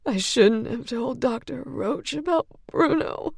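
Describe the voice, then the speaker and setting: A woman's voice: high voice, animated, takes it slowly, gravelly, darkish tone, dry recording, studio quality, pitched above the performer's own voice, exaggerated voice. A woman voicing a frail, sedated young asylum patient in whispered role-play, her words faint, slurred and tearful. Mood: anguished.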